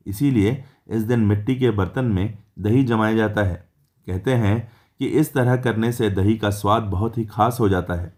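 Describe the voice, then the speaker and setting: A man with a somewhat low voice reads a scripted narration. His delivery is even and formal, explaining step by step. It feels like a plainly worded explainer voice-over. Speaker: narrator of a devotional explainer video.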